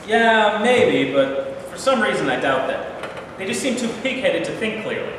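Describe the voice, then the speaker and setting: In a very reverberant hall, a man reads a blunt, exasperated president in a stage play. The voice is high and lively in pitch, with deliberate, emphatic phrasing over faint noise. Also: full character voice. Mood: brusque. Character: President Truman, blunt, exasperated newly informed American leader. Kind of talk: amateur staged reading of a play. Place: indoor hall, staged reading.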